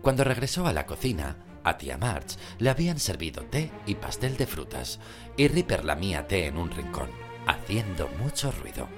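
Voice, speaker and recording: A man reading a novel aloud as an audiobook narrator, with expressive storytelling. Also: low-pitched, moderate pace. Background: background music.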